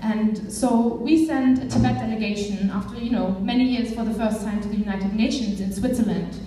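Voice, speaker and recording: A woman's voice: medium pitch, steady tone, moderate pace, mellow, a little hiss or hum. A young woman from Germany, a campaigns director, giving an earnest speech to a live audience with many fillers. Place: large echoey hall. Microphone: far from the mic. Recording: echoey hall, voice from far off.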